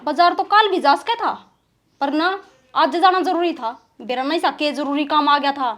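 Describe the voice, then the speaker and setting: A woman playing a sulky, sharp-tongued Haryanvi young wife. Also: high voice, normal speed. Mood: sulking. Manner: scolding.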